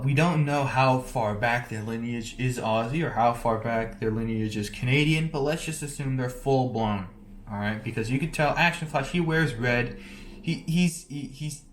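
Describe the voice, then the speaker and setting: A man's voice: mid-range voice, moderate pace, slight background noise. A man giving a joking, mock-serious conspiracy rant as a YouTuber, rambling and often restarting his sentences. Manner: rambling, self-interrupting, half-joking deadpan.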